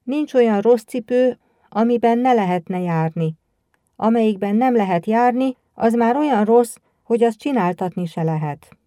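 Grumbling old male cobbler, curt, proud, storybook reading, woman reader, mellow tone. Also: fairly high pitch, no echo, studio quality, lightly acted. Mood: gruff.

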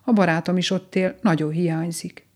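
A woman voicing a gentle, homesick young grey rabbit in a storybook reading, speaking softly and wistfully. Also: on the low side, fairly even intonation, lightly acted. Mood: sad. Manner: soft, pleading and wistful.

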